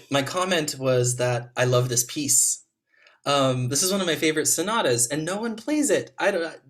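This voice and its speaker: Encouraging male juror on a video call. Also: medium pitch. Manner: encouraging, gentle, frequent ums. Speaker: competition juror. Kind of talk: spoken feedback to young players.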